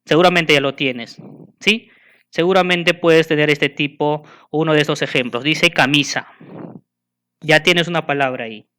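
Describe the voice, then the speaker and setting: Guy teaching a class, smooth clear voice a bit high, keeps asking you questions. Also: pushed and bright. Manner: patient, asks the listener questions; spells and counts out slowly. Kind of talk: recorded school lesson.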